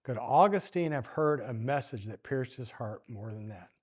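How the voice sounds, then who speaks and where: A man preaches at church with a middle-pitched voice. He tells the story in a relaxed way, asking the room questions as he goes. He reads passages aloud now and then. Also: moderate pace, slightly rough. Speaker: church teacher. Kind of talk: sermon.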